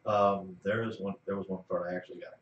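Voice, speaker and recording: A man co-hosting a podcast in casual chat, telling favourite scenes with animated delivery and sudden shouted quotes. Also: fast talker, highs cut off, a little hiss or hum. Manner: animated storyteller, bursts into high shouted character quotes. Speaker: podcast co-host. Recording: roomy, distant sound.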